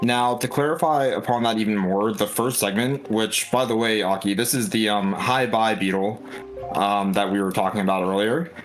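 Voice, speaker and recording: Male speedrunner, low pitch, technical and dry, soft music under. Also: steady tone, moderate pace. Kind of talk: casual explanatory commentary.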